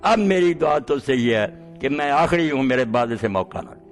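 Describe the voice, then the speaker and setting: Impassioned man preaching over soft music. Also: mid-range voice, expressive, vocal fry. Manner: impassioned, swinging from soft to loud. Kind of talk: sermon.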